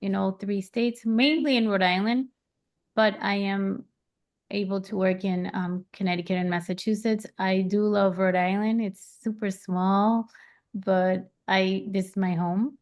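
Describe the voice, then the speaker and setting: A middle-aged woman from Puerto Rico introducing herself as a realtor on a webinar, relaxed and full of ums. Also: mid-range voice, a little slow.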